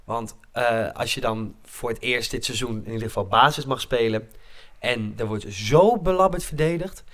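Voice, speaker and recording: A man in casual football chat, animated and laughing often, his voice climbing when he gets worked up. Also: mid-range voice, normal speed. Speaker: football podcast panelist.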